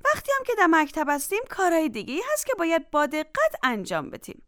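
Woman kids' presenter, Afghan Dari accent, very lively high voice. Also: dry recording, studio quality. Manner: instructive, encouraging. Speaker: children's show presenter. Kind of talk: addressing children, teaching.

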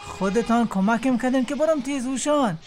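A young Afghan Dari driver. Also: male voice, very high voice, a little mellow. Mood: delighted. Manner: blunt then eager and respectful. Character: young male driver, hasty, then warm former pupil.

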